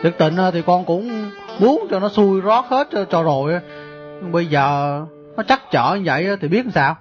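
A man voicing a stubborn young village husband with a Southern Vietnamese accent, stammering and halting as he pleads. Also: high voice, animated. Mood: grumbling. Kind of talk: radio drama acting. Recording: dull dry lo-fi recording, faint music.

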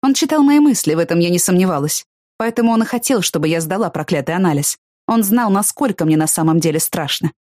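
Expressive woman reading a novel. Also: on the low side, fast talker, no room sound, clean studio sound. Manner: expressive, animated in dialogue. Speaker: audiobook narrator. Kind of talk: first-person novel reading.

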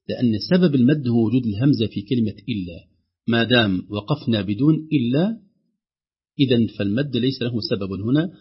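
A man teaching Quran recitation rules on a call-in show, explaining each rule and then reciting the examples slowly and drawn out. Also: medium pitch, husky. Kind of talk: tajweed lesson on a call-in show. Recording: dull lo-fi broadcast sound.

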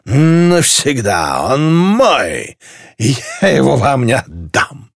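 Drunk clingy girl, shrill and slurred; a man doing the voice, dry close read. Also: huge pitch swings, drawn-out words, creaky, no room sound, heavily acted. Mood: possessive. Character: drunk, clingy young woman at a feast.

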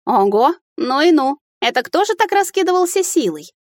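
A woman's voice: a little high, very animated, moderate pace, dry recording, studio quality. A woman voicing a young female fairy who is playful, curious and amused, with a lilting, cheerful lilt.

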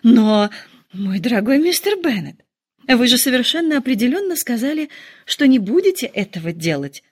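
A woman voicing a nervous, excitable middle-aged mother who complains in shrill, dramatic outbursts. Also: normal speed. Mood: fretful.

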